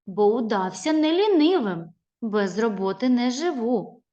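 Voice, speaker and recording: A cheeky wind spirit from a children's storybook poem, read aloud by a woman, bragging that he never sits idle. His replies come out self-assured and a touch higher than plain speech, with an unhurried rhythm. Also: animated, dark tone, dull audio. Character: boastful restless male wind spirit.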